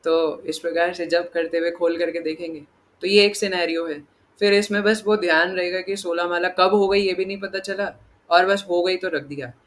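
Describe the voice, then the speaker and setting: A man's voice: high-pitched, fairly even intonation, moderate pace, a bit bright. A man giving a casual, conversational scripture class, often seeking the listeners' agreement and acting out inner voices. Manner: chatty, keeps asking "right?" for agreement; acts out inner voices in dialogue. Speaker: devotional teacher.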